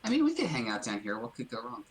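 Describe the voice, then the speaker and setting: A man's voice: medium pitch, wildly swooping pitch, fast, rough recording. Man, tabletop player, mid voice, tentative, hedging, faint noise behind. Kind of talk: casual tabletop chat.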